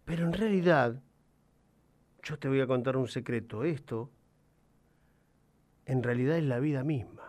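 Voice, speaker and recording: A man voicing a gentle, wise father who patiently explains life to his young son in a soft, calm voice. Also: mid-range voice, measured pace, pauses often, close to an everyday voice. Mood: tender, wise.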